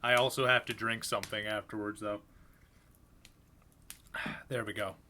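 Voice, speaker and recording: A man doing a live reading of horror fiction, narrating in a low-key, even voice with casual asides between pieces. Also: moderate pace, a little hiss or hum. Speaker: reader.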